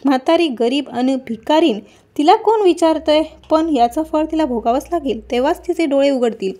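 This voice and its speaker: A woman voicing a poor old woman, a goddess in disguise, who scolds loudly in anger. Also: sits high, animated, moderate pace. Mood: angry reproach. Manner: scolding, loud reproach.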